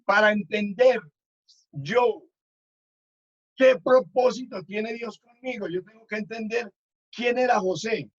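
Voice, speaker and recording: High-voiced preacher, lo-fi sound. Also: male voice, slow pace, long pauses. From Colombia. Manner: storytelling with many restarts. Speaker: minister. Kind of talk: Sabbath school lesson testimony. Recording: dull lo-fi recording.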